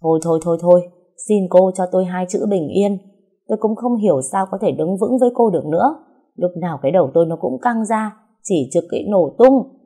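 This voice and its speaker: A woman's voice: lowish voice, animated, a little fast, dark tone, breathy edge. Grumbling young husband, as a woman reads him. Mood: pleading. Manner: grumbling, weary.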